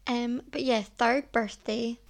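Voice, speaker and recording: A Scottish woman in her twenties chats on her own podcast, her voice sitting a touch high. She rambles freely and fills her talk with "like" and "um". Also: fairly even intonation, slow pace. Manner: chatty, rambling, heavy use of "like" and "um". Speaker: podcast host. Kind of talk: casual solo podcast chat.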